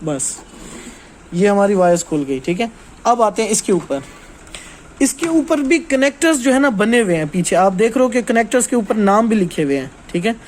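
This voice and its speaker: A man with a very high-pitched voice runs an informal, hands-on technical session as a trainer, explaining each step and checking often that listeners are keeping up. His intonation is lively and his speed normal, with some background noise in the recording.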